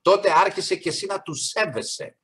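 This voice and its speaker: A man's voice: high-pitched, a bit bright, husky. A man preaching a sermon, earnest, rising on key points and acting out the people in his stories.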